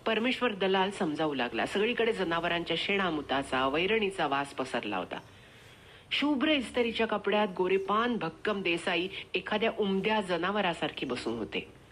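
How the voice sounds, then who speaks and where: A woman narrating a short story in a measured, expressive reading. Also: on the low side, slight background noise.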